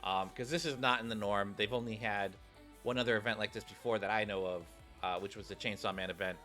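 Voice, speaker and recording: With a fairly low, sharp voice in a steady tone, a gaming streamer talks a little fast. He chats casually and meanders while speaking to viewers, reading the game's story text aloud between comments, with game music underneath.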